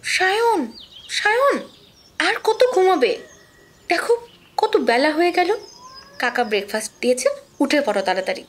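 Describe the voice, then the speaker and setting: A caring, teasing young wife, voiced by a young woman in an audio story. Her light, coaxing talk sits very high with an animated pitch. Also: a little slow, pauses often. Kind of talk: audio drama acting.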